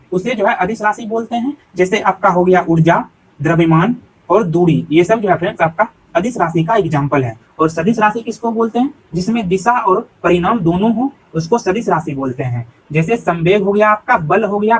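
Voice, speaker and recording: A young man, an exam coach, reading through practice questions and their answers in a steady, repetitive teaching patter, calling his viewers friends. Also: high-pitched, slightly rough, poor audio. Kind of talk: exam practice-set walkthrough.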